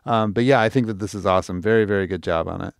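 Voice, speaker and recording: A middle-aged man hosting a live stream, giving casual, animated feedback and thinking aloud as he chats to viewers. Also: fairly low pitch, racing, vocal fry, clear, resonant tone, no echo, studio quality.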